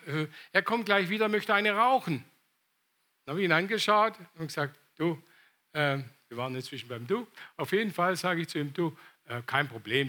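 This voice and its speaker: A man's voice: high-pitched, sharp tone. A middle-aged man preaching a sermon, telling personal stories and asking the congregation rhetorical questions.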